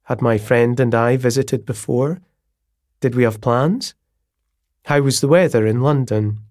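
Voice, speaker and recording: A man reading a novel aloud in a measured, descriptive storytelling manner. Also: mid-range voice, darkish tone, dry recording, studio quality. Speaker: audiobook narrator. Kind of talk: scripted narration of a novel.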